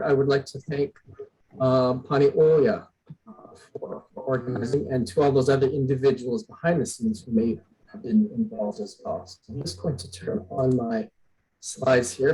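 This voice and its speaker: A man from Western Canada giving an academic presentation on a video call, measured and pausing often with "uh". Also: medium pitch, dark tone, a little hiss or hum, poor audio. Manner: measured, with frequent "uh" fillers. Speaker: guest speaker, PhD researcher.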